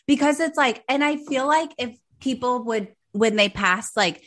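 A woman's voice: fairly high pitch, normal speed, fairly bright tone. A woman in her early thirties co-hosting a podcast, chatting casually in a candid, playful way. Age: 30s. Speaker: podcast co-host. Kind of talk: casual chat.

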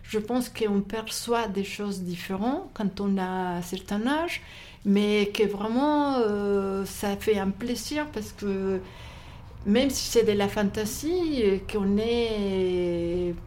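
Speaking slowly in a darkish, medium-pitched voice, a female bookseller discusses books during an interview. French isn't her native language, and she hesitates often, using fillers and starting sentences over.

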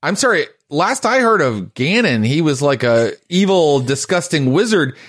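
A man's voice: fairly high pitch, very animated, normal speed, a bit bright. A man hosting a tabletop game podcast as game master, teasing the players with playful questions. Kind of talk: casual podcast banter.

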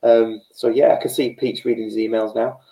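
A man's voice: fairly low pitch, fairly even intonation, a little fast, creaky, a crowd in the background. An English man hosting a football fan podcast, chatting casually in a matey, informal way. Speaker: podcast host. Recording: roomy, echoey voice.

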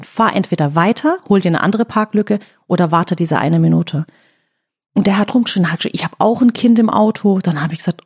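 A woman's voice: on the low side, a little mellow, breathy edge. A woman telling a story in casual chat, quoting her own words as she goes.

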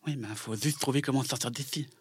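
A brave young schoolboy in a children's audio story. The voice is slightly husky and pitched well below the performer's villain, plain and earnest. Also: female voice, quick pace, dry recording, studio quality, heavily acted. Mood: modest, thoughtful.

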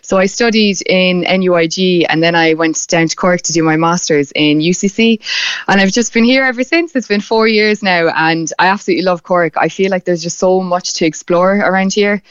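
A woman's voice: on the low side, moderate pace, clear, resonant tone, no room sound, muffled recording. A young woman with a west of Ireland accent, chatting casually as an interview guest. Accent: west of Ireland (County Clare). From County Clare, west of Ireland. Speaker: interview guest, marine biologist and beach cleanup organiser.

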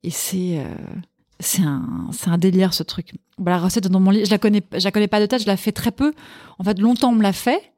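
A woman's voice: medium pitch, a little fast, dry recording, studio quality. A middle-aged woman from Sweden, a podcast guest and cookbook author, chatting casually and with enthusiasm. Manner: enthusiastic, animated storytelling. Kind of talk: casual chat.

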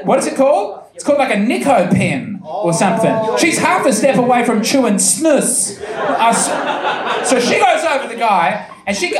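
A man doing a lively stand-up set, telling a story with animated, sometimes loud delivery. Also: extremely high pitch. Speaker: stand-up comedian. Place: comedy venue with live audience. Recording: echoey live room with audience.

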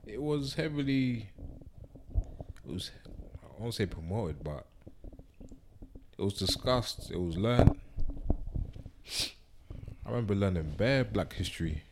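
A man's voice: lowish voice, lively intonation, slow, long pauses, very noisy. A young man with a London accent chatting and telling anecdotes casually, in slang, repeating himself for emphasis.

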